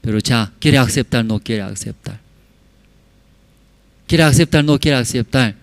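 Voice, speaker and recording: A man's voice: mid-range voice, unhurried, creaky, no echo. A man preaching, telling a story and checking in with tag questions. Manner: frequent tag questions to the audience. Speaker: pastor. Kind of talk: sermon storytelling.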